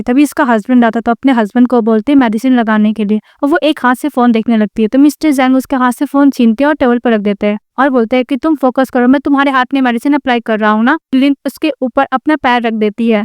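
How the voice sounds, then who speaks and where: A woman retelling a drama's plot in a fast, steady storytelling voice, mixing in many English words. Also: sits high, smooth, dry recording, studio quality. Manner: rapid, even storytelling with many English loanwords. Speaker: drama recap narrator.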